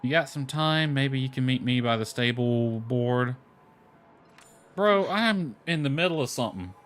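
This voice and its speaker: With an unhurried pace and a medium, fairly bright voice, a man narrates his own game playthrough casually. He reads the dialogue out loud and comments offhandedly along the way, while lo-fi music plays behind.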